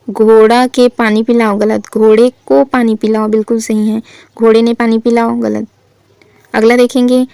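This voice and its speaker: A woman teaching a Hindi grammar lesson for exam practice. She reads out sentences, asks her own questions and answers them in a steady, teacherly way. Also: fairly high pitch, smooth, no room sound. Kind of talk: exam-prep lesson, reading and correcting sentences.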